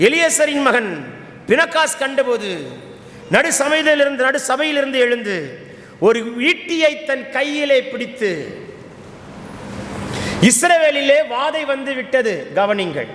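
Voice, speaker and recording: A man's voice: very high voice, a little slow, long pauses, a bit bright, slight background noise. A male preacher with a Tamil Nadu accent, exhorting a congregation and calling on them to repeat after him. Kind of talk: Tamil Pentecostal sermon. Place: large church hall. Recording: echoey hall with long reverb.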